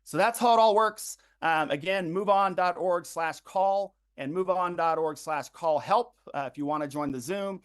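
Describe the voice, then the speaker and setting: A man's voice: high voice, a bit bright, smooth. A man organizing a phone bank, walking volunteers through a calling script with frequent ums and uhs. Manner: frequent ums and uhs, repeats web addresses slowly. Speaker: campaign organizer leading a phone bank livestream. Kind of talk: instructional briefing to volunteers.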